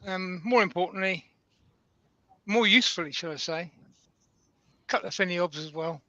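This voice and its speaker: Guy with a high bright voice chatting through a live stream, lots of ums, jokey, muffled lo-fi sound. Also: normal speed, dry recording. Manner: hesitant, self-mocking, lots of ums. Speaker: woodturning demonstrator hosting a live stream. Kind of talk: casual live-stream chat.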